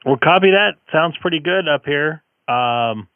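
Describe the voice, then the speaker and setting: A man's voice: on the high side, expressive, unhurried, clear, resonant tone, no room sound. A man, a chatty ham radio operator rambling with fillers over a narrow AM-style radio link. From United States. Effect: heard over a narrow AM-style radio link. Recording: tinny lo-fi radio audio.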